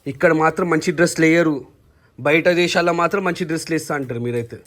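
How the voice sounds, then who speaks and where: A man's voice: a little high, rapid-fire, a bit bright. A man, chatting casually with his family and scolding and coaxing a crying child. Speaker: vlogger, father.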